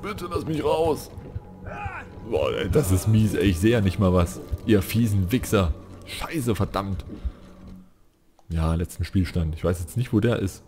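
Over music, a let's play gamer with a low voice comments casually at a normal pace while playing a video game. He reads in-game text aloud and swears when he gets frustrated.

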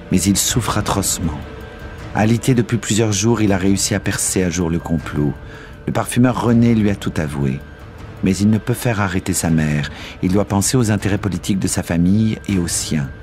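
A man narrating a classic novel in a measured storytelling voice over faint music. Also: deep voice, darkish tone. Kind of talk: scripted literary narration.

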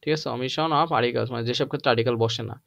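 A man's voice: mid-range voice, steady tone, quick pace, creaky, fairly bright tone, no room sound. A man teaching English grammar to students, switching between Bengali and English and drilling the class with repeated questions. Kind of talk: lecture to students.

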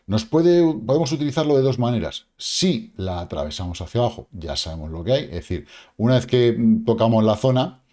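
A middle-aged man with a Spain Spanish accent and a fairly low, mellow voice talks casually to camera about crypto. Chatty and joking, he addresses his viewers directly with asides and a repeated "vale," filmed in a small studio with purple lighting.

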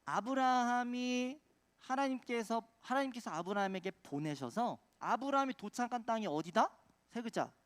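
A man's voice: high voice, expressive, fairly quick. A man preaching a children's sermon, quizzing the kids with call-and-response questions. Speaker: children's pastor.

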